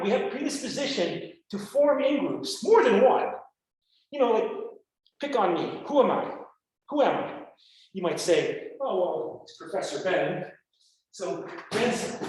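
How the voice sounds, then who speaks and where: An American man, a university professor, giving an online lecture over a video call, acting out his examples. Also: sits high. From United States. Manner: animated, acts out examples. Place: indoors, remote class. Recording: echoey video call audio.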